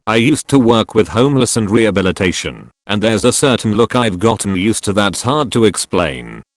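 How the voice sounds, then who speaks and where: A man narrating gym stories from online posts in a steady, matter-of-fact reading voice. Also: on the low side, moderate pace. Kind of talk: scripted narration.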